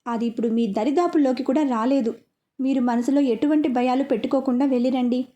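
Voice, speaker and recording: A woman voicing a calm, reassuring older temple priest in a story reading. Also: sits high, fairly quick, lightly acted.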